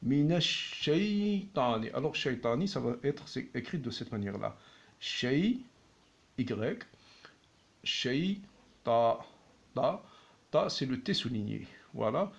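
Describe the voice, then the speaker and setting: A man teaching at a whiteboard, patiently explaining and repeating each word slowly. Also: medium pitch, animated, creaky, highs cut off. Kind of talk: slow classroom explanation.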